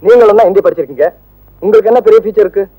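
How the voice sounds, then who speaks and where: A man's voice: sits high, very fast, phone-quality sound. An actor playing a defiant young male student who answers his teacher back with cool insolence in a film scene. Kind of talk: 1980s film acting.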